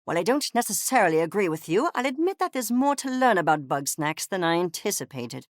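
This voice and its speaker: A female voice plays an obsessive little creature of science in video game voice lines, delivered in a pompous, clipped way with exact academic diction and lively pitch swings. She sounds aloof, coldly curious and scornful, speaking a little fast. The dry, close studio sound has no echo.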